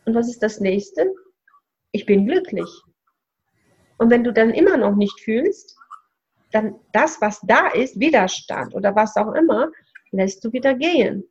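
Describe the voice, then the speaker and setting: A high-voiced woman explains her advice step by step, like a coach guiding a listener. Her voice is husky and breathy. The recording is dull and lo-fi. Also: lively intonation, measured pace, long pauses, darkish tone. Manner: explaining, instructive. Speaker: spiritual coach. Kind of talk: coaching talk.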